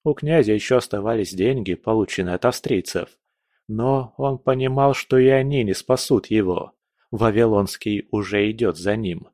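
Low-voiced male audiobook narrator. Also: normal speed, darkish tone, no echo, studio quality. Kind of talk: scripted narration.

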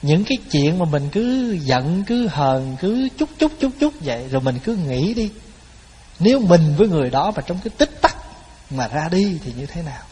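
A man's voice: a little high, very animated, moderate pace, darkish tone, slightly rough. A man giving a Buddhist dharma talk, telling stories in a folksy way and addressing his listeners directly. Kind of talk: sermon. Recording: hall with long reverb.

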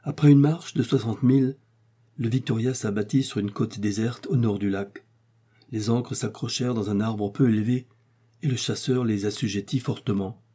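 A man reads a classic adventure novel aloud in a dark, mellow voice with a husky grain. His narration is measured and dramatic, building tension line by line. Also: fairly low pitch, fairly even intonation. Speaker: audiobook narrator.

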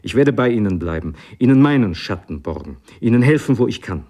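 A devoted young manservant pledges his loyalty with tearful fervor, read by a man. The voice stays low and earnest. It is a storybook reading. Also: very animated, a little fast, darkish tone.

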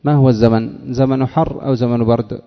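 The lesson comes from a sheikh teaching Arabic morphology, who repeats examples and questions students by name. He talks a little fast, at medium pitch with fairly even intonation. A dull lo-fi recording captures the reverberant hall.

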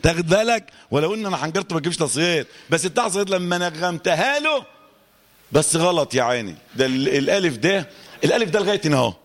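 With a voice on the high side and an Egyptian accent, a middle-aged teacher jokes around while instructing a class in Quran recitation. In this live tajweed session he demonstrates letters by lengthening them slowly.

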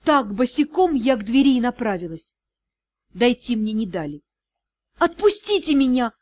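A woman's voice: fairly high pitch, lively intonation, normal speed, no room sound. A woman reading an audiobook aloud, with emotional first-person narration. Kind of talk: scripted narration.

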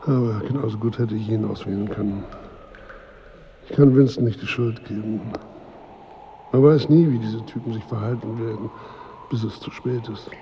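A man's voice: fairly low pitch, moderate pace, pauses often, highs cut off, slight background noise, natural voice. An actor playing a proud, irritable, world-weary king and husband in a radio drama, speaking in a pompous, sardonic, formal way. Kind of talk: literary radio drama acting.

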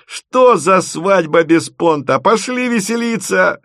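A man voicing a brash young bride, in a shrill, high put-on voice. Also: expressive, slow, fairly bright tone, no room sound, clean studio sound, exaggerated voice. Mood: cheerful.

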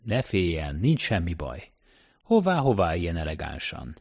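A man voicing a cautious, secretive man on the run in an audiobook reading, measured and guarded. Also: low voice, sing-song, breathy edge, exaggerated voice.

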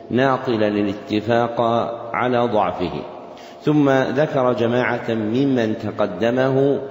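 A man teaching a religious text in a lesson, speaking slowly and repeating phrases so students can write them down. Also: mid-range voice, darkish tone, reverberant, big-room sound. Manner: slow, repeats phrases for dictation. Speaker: Islamic scholar teaching a hadith text. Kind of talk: classroom lesson explaining a text.

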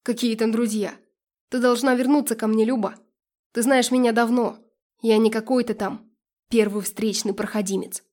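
A woman's voice: on the high side, steady tone, normal speed, darkish tone, natural voice. A woman voicing a jealous, pushy ex-boyfriend in an audiobook reading. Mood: defensive. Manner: resentful, pushy. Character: jealous scheming ex-boyfriend, adult man.

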